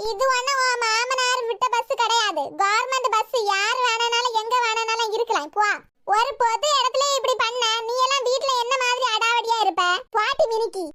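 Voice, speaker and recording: A woman's voice: pushed and bright, slight background noise. A woman with a Kanyakumari Tamil accent voicing all the quarrelling village women of a cartoon short. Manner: quarrelsome, rapid banter in high cartoon voices. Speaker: cartoon voice artist.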